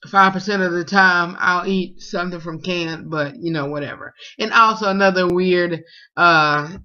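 Recorded at close range on a webcam, with dull lo-fi audio, a young man does a casual food tag vlog indoors in a small room at home. His slightly high voice sounds pushed and bright as he reads the questions and answers with plenty of fillers.

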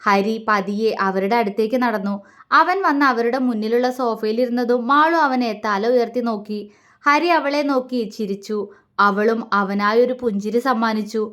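A woman tells a serialized love story in a steady, even reading voice. Her pitch sits a little above the usual range. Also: normal speed. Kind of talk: scripted story narration.

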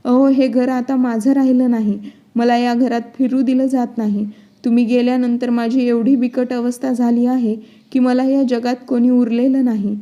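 A woman's voice: a little high, flat delivery, moderate pace, lo-fi sound, lightly acted. A woman voicing an elderly widowed mother who firmly scolds her son and daughter-in-law. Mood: complaining. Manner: forceful, scolding reading.

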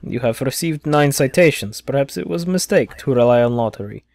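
A man's voice: medium pitch, lively intonation, brisk, a little mellow, no echo, natural voice. A man reading out a stern male state supervisor from a video game, in curt, clipped broken English.

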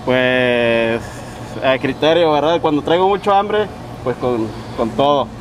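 A man's voice: medium pitch, slow pace. A young man, talking through a face mask in an easygoing, joking way as a passerby in a street interview. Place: busy city street outdoors. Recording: noisy street with traffic.

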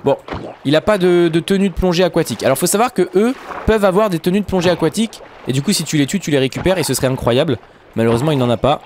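A young man chatting excitedly to his viewers while commenting on his own gameplay. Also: fairly high pitch, rapid-fire, slight background noise. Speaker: gaming YouTuber. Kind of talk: Minecraft let's play commentary.

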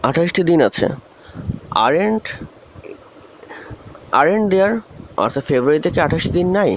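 A man from Bangladesh teaches English grammar in a recorded video lesson, his voice sitting a little high. He keeps asking questions aloud and then answers them himself. The recording is muffled and lo-fi, with a faint hiss underneath.

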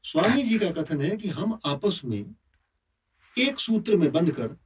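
A man at a religious gathering expounding his view with animated delivery. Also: sits high, unhurried, husky, distant mic. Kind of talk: discussion talk.

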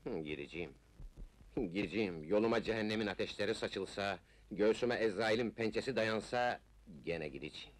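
A man's voice: on the low side, brisk, close to an everyday voice. An actor playing an ardent, resolute Ottoman officer in an old film melodrama, speaking in solemn, poetic declamation. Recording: old film soundtrack with music. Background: film music.

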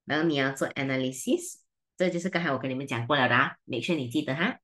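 A woman tutor with a Malaysian Mandarin accent, teaching an online seminar in a brisk, teasing way and mixing in English and Malay. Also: very deep voice, a bit bright.

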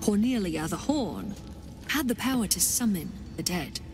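A woman's voice: mid-range voice, big pitch swings, moderate pace. Resolute warrior woman, vengeful queen, music behind. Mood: grim, vengeful. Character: vengeful warrior queen, grieving mother with iron will. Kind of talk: video game character dialogue.

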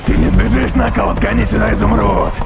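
A man voicing a monstrous evil cartoon hedgehog, gravelly, mocking and furious, taunting and shouting threats theatrically. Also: sits high, normal speed, heavy background noise. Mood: gloating. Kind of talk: dubbed animation voice acting. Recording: loud music behind the voice.

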